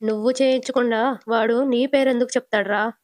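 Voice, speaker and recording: A woman's voice: on the high side, steady tone, brisk, no echo, lightly acted. A woman voicing an angry young husband who threatens a cheat and keeps demanding the truth. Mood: furious. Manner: threatening, shouting, repeating demands.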